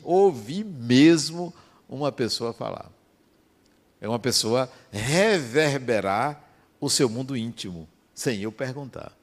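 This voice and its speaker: Brief: man in his fifties, psychologist giving a spiritual talk, mid-pitched voice with a lively, swooping pitch. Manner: animated storyteller, swings between soft asides and sudden high emphasis. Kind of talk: reflective talk with personal anecdotes.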